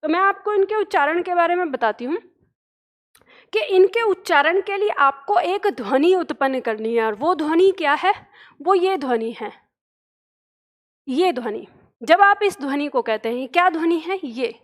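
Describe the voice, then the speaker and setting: High-voiced woman teaching a grammar class. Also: expressive, normal speed. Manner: emphatic, explains step by step, models sounds aloud. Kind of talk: online class lesson.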